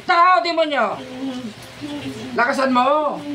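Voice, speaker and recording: A woman's voice: high-pitched, slow. A woman folk healer leading a healing ritual, chanting prayers and then taunting and demanding answers in a commanding way. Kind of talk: healing ritual incantation and confrontation. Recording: noisy background.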